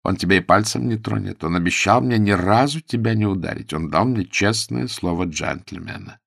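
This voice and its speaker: A man voicing an excitable middle-aged fight manager who pleads and wails in an overwrought way. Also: sits low, moderate pace, vocal fry, no room sound, clean studio sound, full character voice. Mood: pleading.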